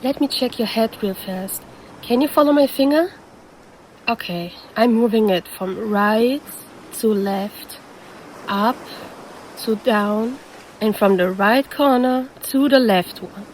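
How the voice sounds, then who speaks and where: Girl doing a siren posing as a lifeguard, kinda high voice, teasing and playful, calls you handsome. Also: slow, a little hiss or hum, poor audio. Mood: concerned, puzzled. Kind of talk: audio roleplay to the listener.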